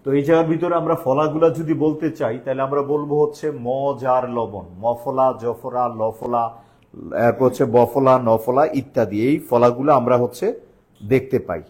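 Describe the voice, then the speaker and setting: A young man with a Bangladeshi Bengali accent teaches an admission-exam grammar class online. He keeps asking the viewers questions and then answers them himself, repeating key words. His voice sits at an ordinary middle pitch for a man. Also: steady tone, moderate pace, a little mellow.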